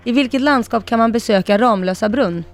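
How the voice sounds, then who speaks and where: A woman co-hosting a radio show, reading quiz questions briskly and joking with her co-hosts. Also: on the high side, soft background music. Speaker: radio co-host and quizmaster.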